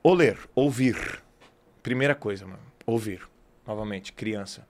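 A man's voice: fairly low pitch, a little slow, a little mellow. A man, an English teacher, talking as a guest in a casual podcast conversation, explaining emphatically with lots of slang.

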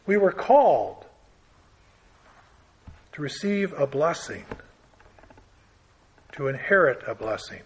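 Male preacher, slightly high voice, emphatic and earnest Bible teaching. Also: very animated, slow pace, long pauses, a little hiss or hum. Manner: earnest, emphatic, with lists and rising stresses.

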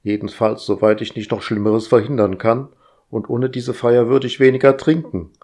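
A man's voice: mid-range voice, level tone, normal speed, darkish tone, lightly acted. A man voicing a weary man at home who talks in a dry, sarcastic way.

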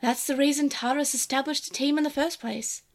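A woman's voice: high-pitched, fairly even intonation, voice pushed up. A woman doing a pretentious scheming Digimon. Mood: cool. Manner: pretentious, measured.

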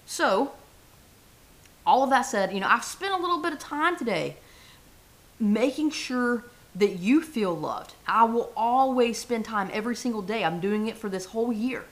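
A woman's voice: a little high, animated, moderate pace. Upbeat chatty woman podcast host. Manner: upbeat, chatty, addresses listeners directly. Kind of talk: solo motivational podcast talk.

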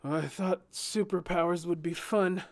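A man's voice: sits high, steady tone, a little slow, voice pushed up. A man voicing a flustered, indignant young man in a spoken storybook, raised and protesting in tone.

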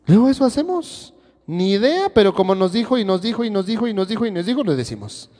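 A man's voice: high-pitched, sing-song, fast talker, dark tone. A man teaching a sermon to a congregation, firing rhetorical questions at them one after another. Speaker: church teacher. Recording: long reverb of a church hall.

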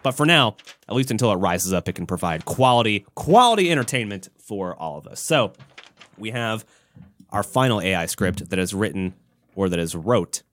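A man's voice: on the low side, expressive, moderate pace. Exasperated male host with swooping delivery. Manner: exasperated, rambling, self-mocking, sweary. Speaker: show host. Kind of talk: casual comedy show banter and narration.

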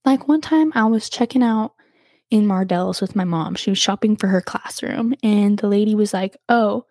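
A young adult woman hosting a podcast, telling a personal story in a casual, chatty way with lots of "like" fillers and lively jumps in pitch when she quotes others. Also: normal speed, no room sound, studio quality. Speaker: podcast host.

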